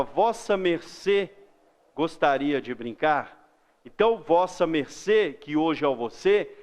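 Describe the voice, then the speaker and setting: A man with a Brazilian accent, a teacher giving a grammar lesson to children, explaining patiently with everyday examples and questions to the class. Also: sits high.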